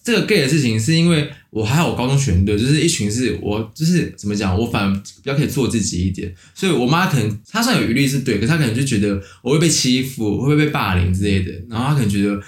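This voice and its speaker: Young Taiwanese man, podcast host, talks extremely fast, lively up-and-down voice, roomy echo. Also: medium pitch. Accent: Taiwanese Mandarin. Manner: animated, rambling storytelling. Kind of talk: casual podcast chat.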